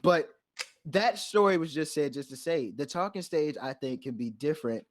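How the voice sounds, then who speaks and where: A man's voice: a little high, moderate pace, a little hiss or hum. A young man co-hosting a podcast, telling a story casually and acting out voices and sound effects. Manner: animated storyteller who acts out quotes and sound effects. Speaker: podcast co-host.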